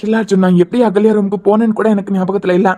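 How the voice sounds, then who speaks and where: A woman's voice: medium pitch, flat delivery, rapid-fire, mellow, voice pushed down, natural voice. A woman voicing a resigned young man in a cartoon serial, with a Kanyakumari Tamil accent. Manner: pleading, resigned. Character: meek young man deferring to his mother.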